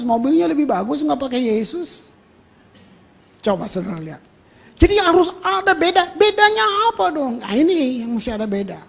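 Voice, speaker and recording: A man's voice: extremely high pitch, creaky, breathy edge. A male pastor preaching a sermon in a colloquial storytelling manner, speaking directly to the congregation.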